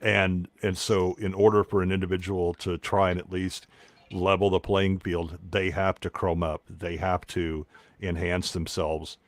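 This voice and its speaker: A man's voice: low-pitched, little pitch movement, unhurried, no echo. A man in a casual chat, laying out arguments through rhetorical questions. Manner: reasoned, asks rhetorical questions.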